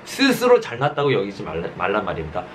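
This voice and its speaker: Lively-pitched Korean pastor preaching. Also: male voice. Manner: conversational, frequent "그쵸?" checks with listeners; halting, many fillers and self-corrections. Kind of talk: sermon. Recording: faint background noise.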